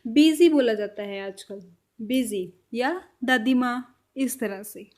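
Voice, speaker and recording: A high-pitched woman gives a vocabulary lesson at an unhurried pace. She says each word, repeats it, and lets her voice drop and fade at the end of a phrase. She sounds patient and instructional. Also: lively intonation. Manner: repeats each word slowly, trailing off softly. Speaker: language teacher.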